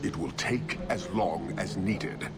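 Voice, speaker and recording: A male actor voices a stern, proud giant who commands an army in a video game. His low voice moves slowly, grave and formal, with a declamatory delivery, and heavy noise sits in the background.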